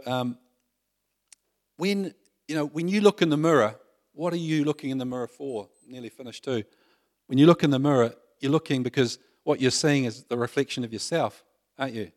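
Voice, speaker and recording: A middle-aged man with a mid-range voice preaches a conversational sermon as a pastor. He keeps tossing in rhetorical tag questions and pokes fun at himself.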